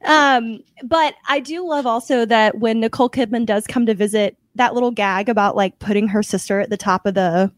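A woman guest on a podcast chatting casually, animated and opinionated, often acting out quotes. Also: a little high, moderate pace, few pauses, dry recording, studio quality. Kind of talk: casual chat.

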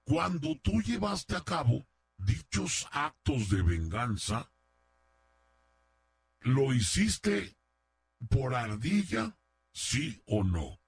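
A man's voice: medium pitch, very animated, very slow, long pauses, slightly rough. A man hosting a comic radio show who grills a caller in a theatrical, mock-scandalized way. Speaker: radio host. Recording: loud hum behind.

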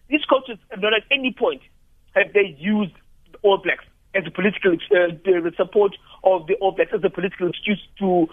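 High-voiced man on a tinny phone line. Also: no room sound. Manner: measured, restarts phrases, builds arguments. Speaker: studio guest commentator. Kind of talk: radio talk analysis.

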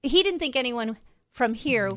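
A woman from California in casual chat, telling animated stories and laughing often. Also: a little high, measured pace, no echo.

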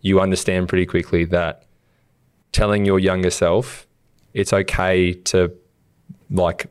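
Low, flat-voiced Australian man. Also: unhurried, clean tone, dry recording, studio quality. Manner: earnest, acts out quotes of himself. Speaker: podcast co-host. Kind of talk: casual motivational chat.

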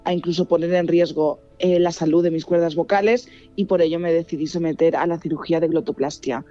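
Woman speaking reflectively, dull mellow sound. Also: fairly low pitch, steady tone, brisk, faint music behind. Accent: Spanish from Spain. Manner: reflective, open, with fillers. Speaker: interviewee, journalist. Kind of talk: personal interview testimony.

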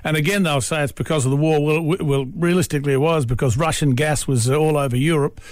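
A man's voice: fairly high pitch, steady tone, fast talker, no echo, clean studio sound. A man with an Australian accent, hosting talkback radio in an agreeable, conversational way. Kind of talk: casual radio discussion.

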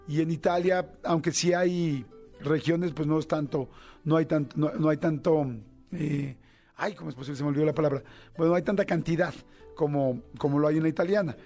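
Rambling Mexican radio host, a bit high. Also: male voice, fairly even intonation, a little fast, dark tone, faint music behind. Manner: rambling, joking, thinks aloud with fillers. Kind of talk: casual radio chat. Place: radio studio.

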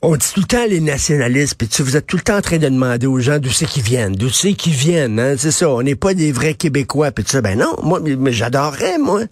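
A man's voice: mid-range voice, big pitch swings, a little fast, few pauses, no room sound, studio quality. A male radio host with a Quebec French accent and a runny-nosed cold, giving an opinionated, colloquial monologue with emphatic repetition. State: head cold with runny nose.

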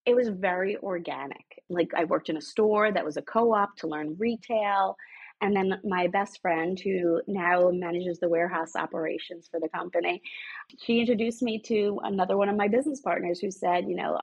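A middle-aged woman, a beauty brand founder, telling her story in a lively, sassy way in an interview. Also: on the low side, normal speed, husky, lo-fi sound. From United States.

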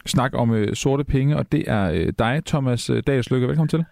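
Male radio host, gravelly and dry, halting questions. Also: medium pitch, darkish tone, no room sound. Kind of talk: radio talk show hosting.

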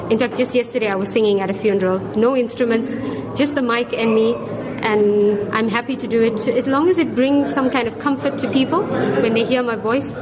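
A woman's voice: a little high, a little fast. A woman in her forties, a restaurant owner and singer, answering interview questions in a chatty, upbeat way. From South Africa. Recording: crowd chatter behind.

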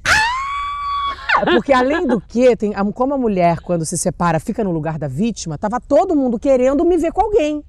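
A woman's voice: a little high, quick pace, hardly any pauses, no echo, shouting. A Brazilian woman in her forties, an actress guest telling casual stories and acting out the people she quotes. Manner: animated, acts out quotes with shrieks. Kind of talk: casual storytelling.

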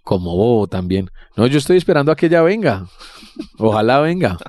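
A man's voice: medium pitch, sing-song, a little fast, a little mellow, no echo. A young man with a Colombian accent, co-hosting a podcast in casual, crude, joking banter. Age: young adult. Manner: slangy, joking, talks in bursts. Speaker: podcast co-host.

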